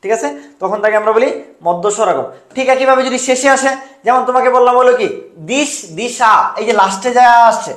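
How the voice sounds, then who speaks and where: A man tutors students for a university entrance exam in an online lesson, drilling answers over and over and quizzing them. His very high voice moves fast and sounds reverberant.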